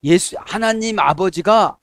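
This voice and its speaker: A middle-aged man preaching a sermon as a pastor, checking in with his listeners and acting out quoted prayers in a softer, lower voice. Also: a little slow, clean tone, no echo. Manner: asks the congregation "에?" to check agreement.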